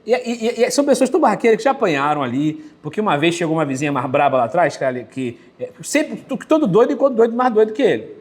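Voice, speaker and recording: A Brazilian man with a Brazilian Portuguese accent preaches with lively, animated energy, telling vivid stories from his own life. His voice sits fairly high for a man, and he brightens it further when he acts out quoted lines. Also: slightly rough. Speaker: pastor. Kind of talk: sermon.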